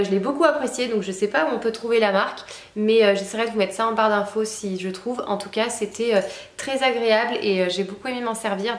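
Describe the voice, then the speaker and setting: A woman's voice: mid-range voice, echoey room. A young woman chatting casually about beauty products she has used up, with lots of hesitations and fillers. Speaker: beauty vlogger. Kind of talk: casual product review chat.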